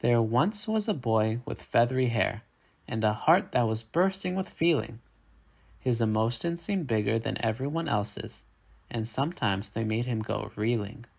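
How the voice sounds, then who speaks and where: Reading from a children's picture book, this man uses a measured, expressive storytelling style. His voice is medium in pitch and gravelly.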